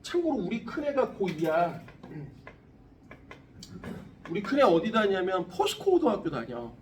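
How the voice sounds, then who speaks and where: A man in his forties teaching a high school science class, blunt and teasing, swearing often. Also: huge pitch swings, moderate pace. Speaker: science tutor. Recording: classroom recorded from a distance, faint room noise.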